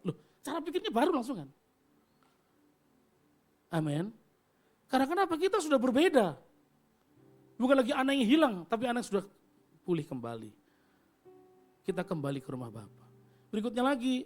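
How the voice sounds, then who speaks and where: Lively East Javanese man preaching. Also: high-pitched. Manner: animated, playful, jumps between voices and slang. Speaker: pastor. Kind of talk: lively sermon with acted-out stories. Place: church service.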